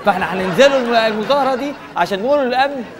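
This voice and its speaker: A chatty Egyptian everyman airing petty grievances in a comic vox pop. He is loud and high-voiced, racing along with long echo and crowd noise around him. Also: animated, very fast. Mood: indignant. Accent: Egyptian, varying by regional character. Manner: loud, emphatic, colloquial. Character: indignant, chatty male protester with petty demands. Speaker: citizen interviewed in the street. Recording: echoing hall, crowd noise.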